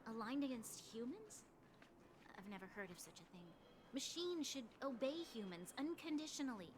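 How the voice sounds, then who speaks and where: A woman's voice: fairly high pitch, big pitch swings, fairly quick, noisy background. A woman voicing a perky young female companion in a video game, bubbly and eager for a fight.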